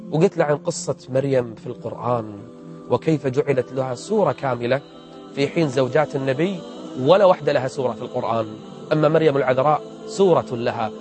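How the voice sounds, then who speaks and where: A man, an Islamic preacher telling a religious story and retelling its dialogue. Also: fairly high pitch. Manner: lively, retells dialogue in quotes.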